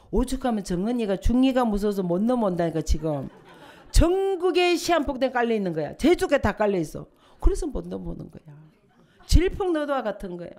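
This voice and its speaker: A woman's voice: mid-range voice, creaky. An older woman, a pastor's wife, giving a sermon with humorous stories and sudden swells into fervent prayer. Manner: humorous, lively storytelling with sudden emotional swells. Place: church sanctuary.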